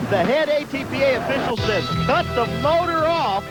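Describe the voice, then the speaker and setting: Very high-voiced male tractor pull commentator. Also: expressive, moderate pace. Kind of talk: tractor pull announcer commentary and replay analysis. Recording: loud music behind the voice. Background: music.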